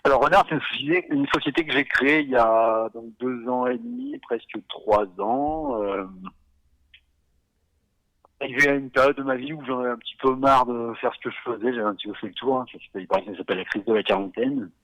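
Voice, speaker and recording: A man in his forties from Savoie, talking casually as a podcast guest, relaxed and hesitant, with many fillers and little chuckles. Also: medium pitch, fairly quick, gravelly, rough recording. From Savoie, France. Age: 40s. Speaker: guest, beer company founder.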